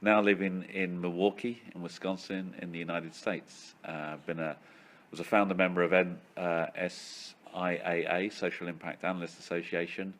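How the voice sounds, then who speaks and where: A man's voice: low-pitched, little pitch movement, moderate pace, a bit bright. A man from southeast London, speaking hesitantly and restarting phrases. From southeast London, England.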